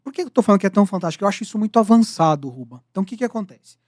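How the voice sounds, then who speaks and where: A man's voice: sits high, lively intonation, racing, a little mellow, no room sound, clean studio sound. A man co-hosting a podcast, teaching sales communication in an explanatory, lecturing manner that defines terms step by step. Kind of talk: casual podcast discussion.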